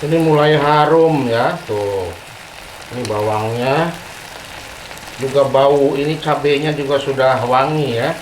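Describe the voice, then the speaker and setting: A man's voice: medium pitch, takes it slowly, long pauses, echoey room, a little hiss or hum. A man with an Indonesian accent hosting a home cooking tutorial in his kitchen, chatty and friendly, tacking "ya" onto his phrases. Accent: Indonesian, with Sundanese terms. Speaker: cooking channel host. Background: frying and sizzling.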